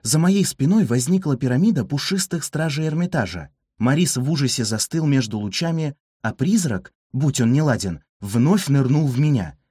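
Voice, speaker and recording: Male storybook narrator, mid-pitched and husky, expressive, dry close recording. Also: normal speed, few pauses, no echo.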